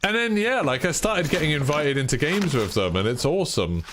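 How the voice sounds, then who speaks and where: Chatty British man on a lively stream. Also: fairly high pitch, fairly quick, background noise. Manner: chatty, self-deprecating, lots of "like". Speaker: streamer reading chat. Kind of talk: casual live-stream chat.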